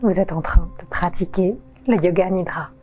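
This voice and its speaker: A woman yoga teacher guiding a relaxation session in a calm, soothing voice-over with long pauses. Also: lowish voice, soft background music. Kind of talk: guided relaxation narration.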